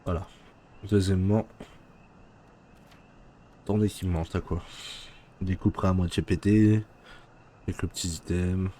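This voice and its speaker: A man's voice: low-pitched, steady tone, measured pace, long pauses, warm tone, slight background noise. A man giving casual, playful let's play commentary, often muttering and repeating himself. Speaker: gaming streamer.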